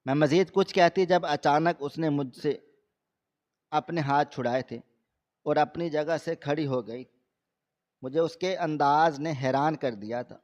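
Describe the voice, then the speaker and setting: A man reading a scripted first-person story aloud in a steady, measured way. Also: a little high. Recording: slightly dull lo-fi recording.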